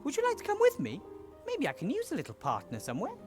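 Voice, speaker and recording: A woman's voice: a little high, wildly swooping pitch, fast. An actress playing a cheerful, curious young woman mage who asks questions in a friendly way. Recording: game audio with faint music.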